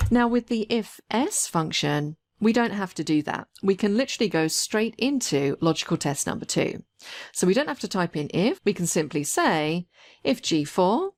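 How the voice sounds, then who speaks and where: Female tutorial narrator, lower pitch, animated intonation, step-by-step explanation. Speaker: software trainer. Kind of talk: screen-recorded tutorial narration.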